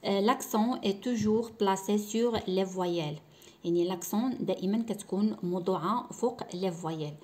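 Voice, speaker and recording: A woman teacher speaks with a Moroccan Arabic accent in a patient, explanatory way. She slows down and says each word several times, as if modelling pronunciation for pupils. Her voice sits at an ordinary middle pitch. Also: darkish tone. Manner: slow, repeats words to model pronunciation. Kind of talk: school lesson explaining French accents.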